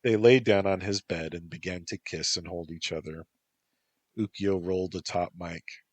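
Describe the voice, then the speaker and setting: A man narrating a story in a measured, even reading. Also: sits low, dry recording.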